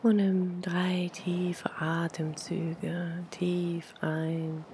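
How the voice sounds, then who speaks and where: A woman leading a guided meditation like a sleep story narrator, hushed and soothing in a near-whisper with long pauses. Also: lowish voice, little pitch movement, slight background noise.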